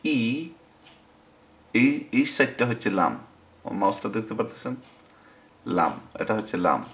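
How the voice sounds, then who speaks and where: A man teaching Quran recitation in a screen-recorded lesson, sounding out syllables slowly and repeating them. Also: on the low side, very animated.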